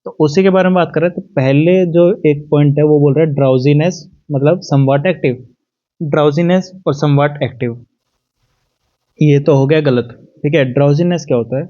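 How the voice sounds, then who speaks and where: A man's voice: on the high side, dark tone, dull audio. Indian man teaching an exam-prep lesson. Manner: explains step by step, repeats "ठीक है" often, reads questions slowly in English.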